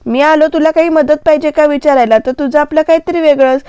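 A woman's voice: sits high, fairly even intonation, mellow, dry recording, muffled recording, natural voice. A woman reading out a touchy older husband. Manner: slow, plain quoted delivery. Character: older father, retiring husband, teasing and touchy.

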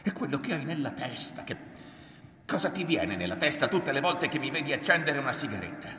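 A man reading aloud and voicing a bitter young war veteran with an explosive temper, who shouts accusations in a high, cracking voice. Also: moderate pace, natural voice. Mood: furious shouting. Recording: roomy hall from far off.

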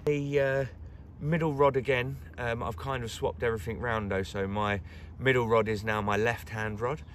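A middle-aged man chatting excitedly to the camera while fishing by a lakeside, recorded on a handheld camera. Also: medium pitch, moderate pace, slight background noise. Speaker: carp angler vlogger. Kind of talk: casual outdoor fishing vlog. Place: lakeside outdoors, crouched by the water.

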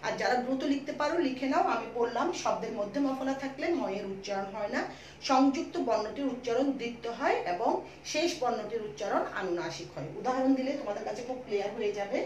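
Patient Bangladeshi woman teaching a lesson. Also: fairly high pitch. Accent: Chittagonian Bangla. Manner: patient, repeats each rule slowly for students. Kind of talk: online school lesson. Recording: echoey room, mic at a distance, faint hiss.

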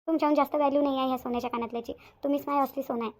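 A woman's voice: sits high, fairly even intonation, racing, a little mellow, natural voice. A woman voicing a self-sacrificing young wife, pleading insistently.

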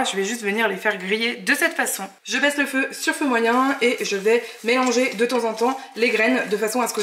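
A woman's voice: a little high, a bit bright. A woman hosting a cooking channel, narrating a recipe in a friendly, explanatory way and giving tips. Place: home kitchen. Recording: roomy echo, faint noise.

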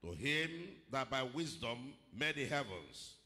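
A middle-aged male pastor giving a measured sermon into a handheld microphone at a pulpit, rising to emphatic declarations. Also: mid-range voice, big pitch swings, sharp tone. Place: large church hall, indoors. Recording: long hall reverb.

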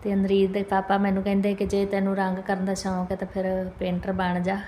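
Chatty Punjabi woman vlogger, fairly even pitch. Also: fairly quick. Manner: chatty, homely, addressing viewers with polite tags. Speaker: family vlogger, mother. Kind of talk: casual home vlog narration. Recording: clear background noise, home ambience.

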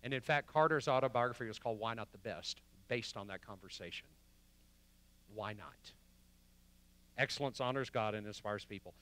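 A pastor preaching to his congregation. His voice is bright and sits at a middle pitch. He swings between loud, driving emphasis and hushed, almost whispered quotations. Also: fast, hardly any pauses, clear, resonant tone. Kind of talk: sermon. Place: church sanctuary.

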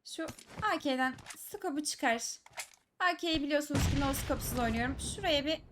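A woman giving live commentary over her own mobile shooter match, teasing enemy players and breaking into excited shouts. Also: high voice, normal speed, over music. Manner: teasing, talks to enemies, bursts of excited shouts. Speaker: gaming streamer. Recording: loud gunfire game audio behind. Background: game gunfire and clicks.

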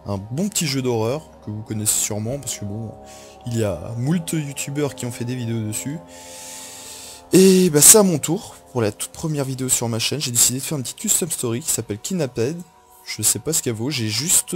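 A tired young man talking casually over a game on his headset mic, rambling and apologetic. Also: mid-range voice. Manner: rambling, apologetic, with self-talk. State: tired after little sleep. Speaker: gaming YouTuber. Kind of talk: casual let's-play commentary.

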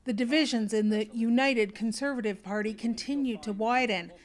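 A Canadian woman narrates a scripted news report as a reporter. Her voice sits on the high side for a woman. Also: normal speed.

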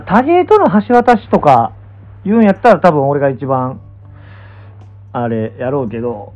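Young guy w/ kansai accent just chatting on stream, voice swings up and down, thin phone sound, bit of music behind. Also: mid-range voice. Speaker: pro gamer and streamer. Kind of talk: casual livestream chat. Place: small indoor room, lying down. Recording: muffled, thin phone-like audio.

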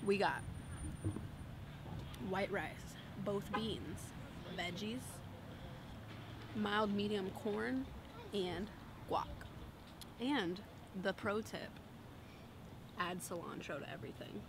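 A woman's voice: mid-range voice, slow, long pauses, background noise. A young woman in her twenties chatting playfully to a handheld camera in a car. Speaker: vlogger's companion. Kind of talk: casual vlog chat.

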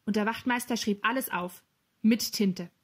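A woman narrating a children's novel as an audiobook, with clear, lively storytelling. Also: medium pitch, normal speed.

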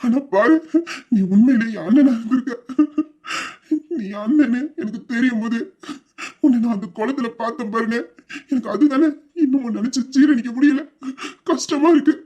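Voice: medium pitch, fairly even intonation, normal speed, dark tone, slightly rough, dull audio, close to an everyday voice. Audio drama: performer playing a tearful younger brother, rambling and moved. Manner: tearful, rambling, breaking into laughs and sobs. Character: devoted younger brother, young man, overwhelmed. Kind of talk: amateur Tamil audio drama.

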